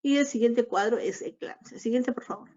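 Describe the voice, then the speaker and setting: A woman giving a recorded obstetrics lecture, explaining each slide in a measured way. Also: a little high, darkish tone. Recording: dull lo-fi lecture audio.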